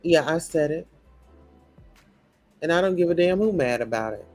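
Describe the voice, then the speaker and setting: A man's voice: on the high side, animated, moderate pace, darkish tone, soft background music. A man ranting in a blunt, profane, preachy commentary reacting to a show.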